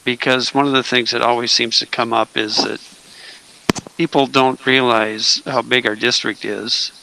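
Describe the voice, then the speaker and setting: Gravelly man giving practical advice. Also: medium pitch, fairly even intonation, moderate pace, noisy background. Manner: matter-of-fact, gives practical advice. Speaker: school board member. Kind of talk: casual meeting discussion.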